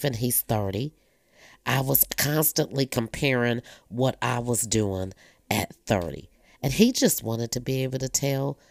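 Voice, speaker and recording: Woman, fifties, deep gravelly voice, talkative and earnest, reflective personal monologue. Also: darkish tone, dry recording, clean studio sound. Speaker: blogger sharing personal reflections.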